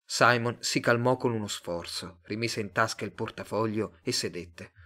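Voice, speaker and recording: A man reading a story aloud as its narrator, in a measured, expressive way. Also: fairly low pitch. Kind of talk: audiobook narration.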